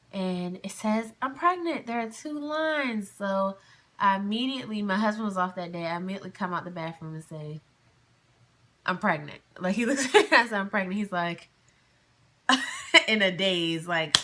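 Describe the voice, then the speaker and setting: A woman's voice: mid-range voice, sharp tone. A woman in her twenties telling a personal story to camera in a casual, chatty way, laughing often and acting out her own past words. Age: 20s. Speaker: vlogger.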